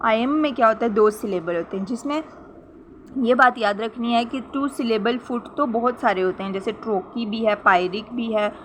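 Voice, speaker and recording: A woman's voice: a little high, moderate pace, a little hiss or hum. A young woman teaching a lesson, explaining patiently, repeating points and checking that listeners understand. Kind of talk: explanatory lesson in Hindi-Urdu with English terms.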